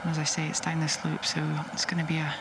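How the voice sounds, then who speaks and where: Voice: mid-range voice, monotone, fast talker. A golf commentator describing shots and conditions in an explanatory way from out on the course. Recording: loud outdoor ambience and wind noise.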